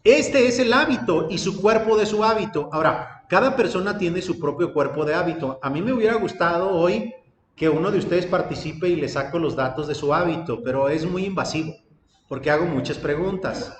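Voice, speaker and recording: High-voiced man preaching in a reverberant hall. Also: animated, fairly quick. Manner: storytelling, acts out dialogue, rises to emphatic lists. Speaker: pastor. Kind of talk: sermon. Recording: echoey hall with ambient noise.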